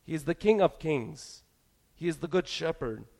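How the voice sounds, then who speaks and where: A man's voice: fairly high pitch, lively intonation, normal speed, creaky, darkish tone. A man preaching a sermon in an earnest, dramatic manner. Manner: earnest, dramatic, building intensity.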